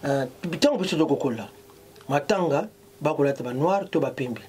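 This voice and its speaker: A man's voice: a little high, animated, moderate pace, a little mellow, husky. A middle-aged man from Congo, a fashion designer, interviewed in a clothing shop, mixing French and Lingala with emphasis. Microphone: handheld mic held by interviewer.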